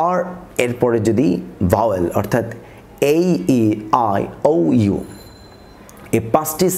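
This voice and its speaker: A man with a Bangladeshi accent gives a methodical pronunciation lesson. His voice has a gravelly edge and sits at an ordinary pitch. He says each example word twice. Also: a little mellow, a little hiss or hum. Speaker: English pronunciation teacher. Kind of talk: scripted lesson narration.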